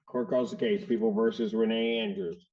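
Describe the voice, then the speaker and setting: A man presiding as a judge, running formal court proceedings in a brisk, blunt, procedural way, heard on a courtroom recording. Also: lowish voice, steady tone. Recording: distant, dull courtroom recording.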